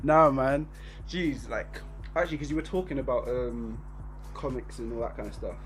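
A man in his twenties with a Bristol accent, hosting a casual podcast chat in relaxed slang. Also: mid-range voice, normal speed, soft background music, low-quality recording. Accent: Bristol English. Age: 20s. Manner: relaxed slangy talk with lots of "bro" and "innit". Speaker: podcast host.

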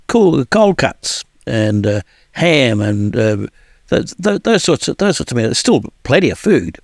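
A New Zealand man with a medium-pitched voice hosts a radio music countdown, chatting casually. His talk rambles and halts, full of fillers and restarts. The recording is studio quality with no room sound.

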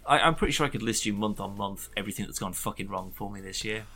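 Blokey, sweary man with a bright, forceful voice. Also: lowish voice, fast talker, faint music behind. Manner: blokey, sweary, matey banter. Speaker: podcast co-host. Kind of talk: casual chat.

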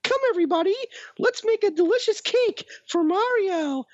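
A man voicing a sweet, grateful young princess in a high, sugary tone. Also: lively intonation, moderate pace, no room sound, lo-fi sound. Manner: high sugary retelling of a game line.

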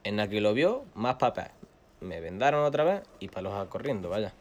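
A young man, telling a story casually as a guest, animated and slangy with frequent swearing. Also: fairly low pitch, moderate pace, lo-fi sound.

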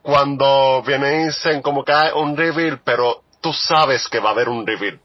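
A husky man chats through a voicemail, dropping English phrases. The recording is dull and lo-fi, dry with no room around him. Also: mid-range voice, normal speed, dry recording. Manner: chatty, mixes in English. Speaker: voicemail caller. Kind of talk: casual voice message.

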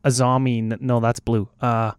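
This podcast co-host chats casually from a small broom closet, laid-back and joking, and sometimes loses his train of thought. His medium-pitched voice is clear and resonant, with a flat delivery at a moderate pace. The dry, studio-quality recording comes from a good studio mic.

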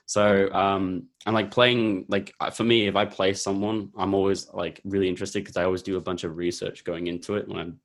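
A young man with a deep, low-pitched voice. He talks in a loose, laid-back ramble, full of ums and likes, as he chats about films. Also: little pitch movement, a little fast, hardly any pauses. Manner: rambling, laid-back, heavy use of filler words. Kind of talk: casual chat about films.

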